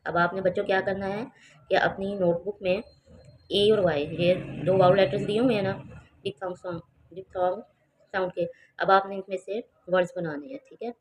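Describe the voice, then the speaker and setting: A woman teaching a children's English lesson, reading English lines slowly and explaining each step with repeated words. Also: medium pitch, fairly even intonation, a little mellow, poor audio. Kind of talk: home tutoring lesson.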